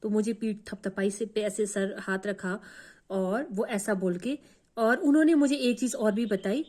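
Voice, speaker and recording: In a medium-pitched, darkish voice at a slightly slow pace, a devotee shares her personal experience. She speaks with earnest emotion and frequently repeats herself.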